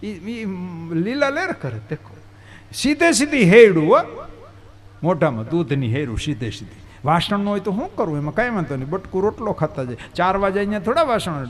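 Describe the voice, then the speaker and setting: A man giving a devotional discourse as a katha preacher. He asks the crowd questions and answers them himself, and he uses folksy, earthy examples. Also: a little high.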